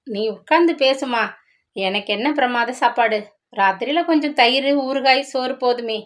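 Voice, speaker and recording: Woman reading as a devoted, grieving older brother in a storybook, somewhat high voice. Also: normal speed, lightly acted. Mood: tender. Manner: pleading, grieving, protective. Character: poor loving elder brother, middle-aged man, protective.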